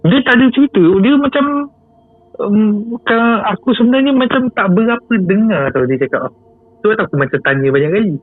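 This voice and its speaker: Here a guest storyteller, a Malaysian-accented man with a high-sitting voice, briskly and casually tells of something that scared him. He chats along, looping back over phrases and chuckling often. The sound is tinny, like a phone call.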